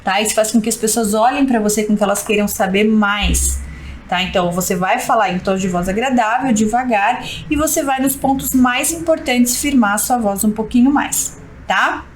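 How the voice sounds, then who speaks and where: A woman's voice: on the high side, moderate pace, slight background noise, low-quality recording. A Brazilian woman teaching a live-streamed class, checking in with "tá?" and drilling her points by repetition. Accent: Brazilian Portuguese. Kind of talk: live-stream lesson, reading viewer comments.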